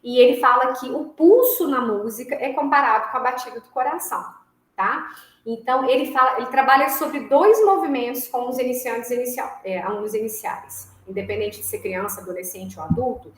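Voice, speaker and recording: Brazilian female music teacher, a bit high-pitched, explains step by step and chants beats; reverberant room sound. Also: a little fast. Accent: Brazilian Portuguese. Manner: explanatory, tags phrases with "né?" and "tá?"; chants rhythm syllables to demonstrate beats. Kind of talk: online music lesson.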